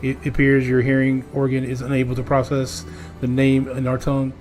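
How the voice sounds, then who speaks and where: A cold alien war machine from a video game, talking in a flat, mechanical robot voice, as a male streamer puts it on. Its lines come out clipped and emotionless, like a machine reporting data. The pitch sits in an ordinary middle range for a man. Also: a little fast, faint music behind, close to an everyday voice. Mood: robotic. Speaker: gaming streamer. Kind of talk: reading game dialogue aloud.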